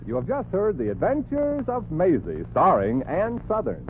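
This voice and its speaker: A man's voice: high-pitched, huge pitch swings, normal speed. A man announcing a show in scripted 1940s radio style. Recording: tinny old radio, music behind. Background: music.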